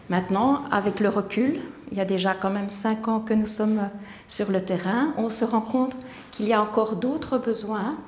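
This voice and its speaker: A woman who organizes a volunteer language school, explaining its work in a clear, composed way. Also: mid-range voice, a little mellow, slight background noise. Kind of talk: explanatory interview. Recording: roomy echo.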